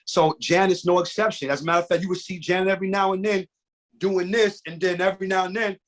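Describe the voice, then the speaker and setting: A man in casual podcast chat, telling animated stories and breaking into sung bits and dramatic readings. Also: high-pitched, quick pace. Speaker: podcast guest.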